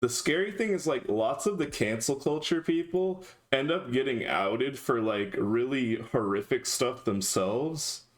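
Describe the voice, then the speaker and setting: A man's voice: mid-range voice, a little slow, hardly any pauses. Dry, sarcastic male streamer. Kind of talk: casual live-stream chat.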